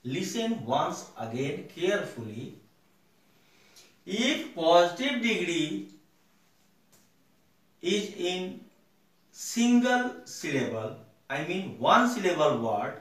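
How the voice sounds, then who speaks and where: Slow-speaking man teaching grammar, echoey room. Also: high-pitched, sing-song. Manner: slow, repeats points for the class. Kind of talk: grammar lesson. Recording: roomy echo, distant mic.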